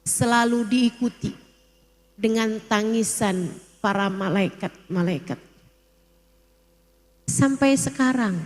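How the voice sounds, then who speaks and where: A woman's voice: medium pitch, darkish tone. A woman preacher delivering an impassioned religious sermon, acting out quoted prayers.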